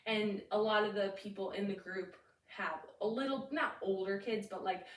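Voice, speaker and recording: A woman's voice: mid-range voice, normal speed, a little hiss or hum. A woman in her thirties co-hosting a podcast in casual chat, filling her talk with "like" and laughing often. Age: 30s. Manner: chatty, heavy use of "like", frequent laughs. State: hiccups. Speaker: podcast co-host. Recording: roomy sound, distant mic.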